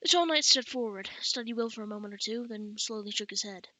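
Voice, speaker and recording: A woman narrating an audiobook in a bright, forward voice, pitched a little high. She catches her reading slips and corrects them aloud, all recorded close and dry. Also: quick pace, no echo, rough recording. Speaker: audiobook reader.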